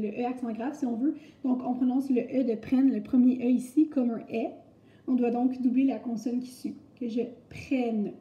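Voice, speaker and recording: A woman's voice: fairly high pitch, dark tone. A young woman with a Québécois French accent giving a recorded grammar lesson, explaining step by step in a chatty way with many fillers. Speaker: French teacher. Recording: echoey, muffled room recording.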